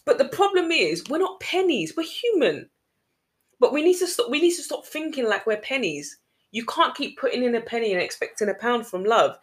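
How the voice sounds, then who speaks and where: A woman's voice: fairly high pitch, big pitch swings, a little fast. A woman in casual chat with her sister, earnest and a little preachy, repeating phrases for emphasis. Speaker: podcast host.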